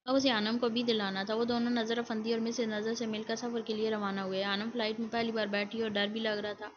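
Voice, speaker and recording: A woman reads a romance novel aloud in a steady narrator's voice. She pitches a little high and keeps her pitch flat. Faint hiss sits under a dull, lo-fi recording. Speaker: audiobook narrator.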